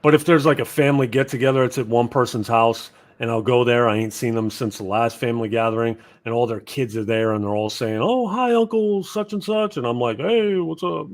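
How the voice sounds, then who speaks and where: A man's voice: medium pitch, brisk, few pauses. Man in his forties, rambling storyteller. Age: 40s. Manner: laid-back, rambling storyteller. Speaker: podcast guest. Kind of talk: casual chat.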